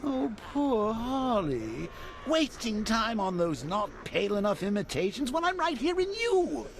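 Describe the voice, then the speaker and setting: A sadistic phantom clown villain in a video game. His voice is high for a man, wildly animated and creaky. He taunts with gleeful, theatrical mockery. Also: a little slow, a little hiss or hum, exaggerated voice. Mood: mocking, gleeful. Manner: mocking, theatrical.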